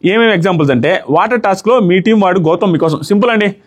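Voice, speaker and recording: Male reviewer, high voice, rapid-fire argumentative take on a reality show. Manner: argumentative, rapid, mixes in English words. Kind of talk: opinionated show commentary to camera.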